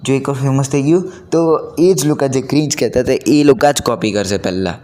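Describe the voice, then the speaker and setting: Briskly and in a dark-toned, medium-pitched voice, a teenage vlogger encourages his viewers in an unscripted, casual talk to camera. He speaks earnestly in colloquial language peppered with English, with a Gujarati accent.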